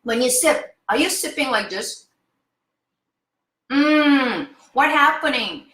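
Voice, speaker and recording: A lively woman in her fifties leads a face yoga class, her voice sitting a little high. She is eager and chatty, often pausing to ask the viewer "okay?" The room around her has a noticeable echo. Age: 50s. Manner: enthusiastic, keeps checking in with "okay?". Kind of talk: interactive online lesson.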